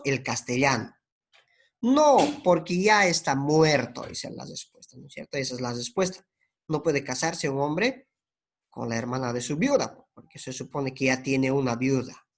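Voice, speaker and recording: A male lecturer with a slightly high voice teaches linguistics. He explains patiently, spells out letters one by one, and keeps checking in with tag questions.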